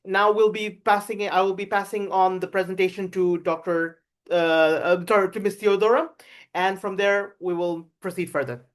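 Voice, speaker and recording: A woman hosting a webinar over a video call, speaking in halting restarts. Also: medium pitch, steady tone. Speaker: webinar host. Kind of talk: webinar presentation.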